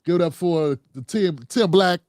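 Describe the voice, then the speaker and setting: A man's voice: sits high, moderate pace, darkish tone, dry recording, studio quality. A man hosting his own commentary show, talking loosely and profanely, rambling and calling his viewers "fam". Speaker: host. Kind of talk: casual political commentary monologue.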